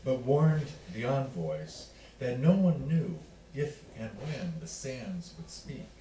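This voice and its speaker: Here a man reads his own narrative fiction in a mid-range voice, mellow and relaxed. He takes a deliberate, measured pace and pauses often. Distant miking in an echoey room gives a spacious sound with a faint noise floor.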